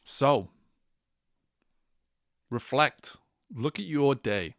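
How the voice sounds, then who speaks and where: Man, medium pitch, motivational coaching monologue, deliberate, emphatic, repetitive phrasing, dry recording. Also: lively intonation, dry recording. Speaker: coach and show host.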